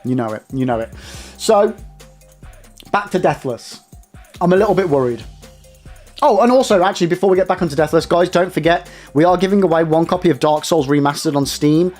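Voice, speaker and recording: A man's voice: fairly high pitch, a little mellow. A young man streaming live, rambling casually and talking straight to his chat. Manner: chatty, rambling, addresses chat directly.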